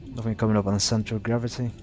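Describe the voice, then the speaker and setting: Low-voiced man muttering through a flight sim. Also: flat delivery, darkish tone. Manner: halting, muttering to himself. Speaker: flight simulator streamer playing a pilot. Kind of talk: casual self-narrated gameplay with radio calls. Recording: rumbly background noise.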